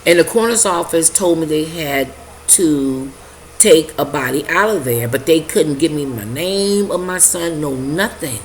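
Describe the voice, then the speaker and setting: An older woman telling an emotional personal story, halting and repeating herself as she acts out her own reactions. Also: low voice, expressive, slight background noise, rough recording. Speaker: vlogger sharing a personal testimony.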